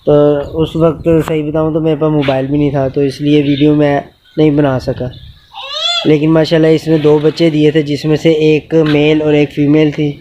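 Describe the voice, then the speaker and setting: A man in a casual instructional vlog, explaining goat care outdoors in an unhurried way with many pauses and fillers. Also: a little high, level tone, mellow, a little hiss or hum. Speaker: goat keeper and channel host. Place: outdoors in a yard with animals.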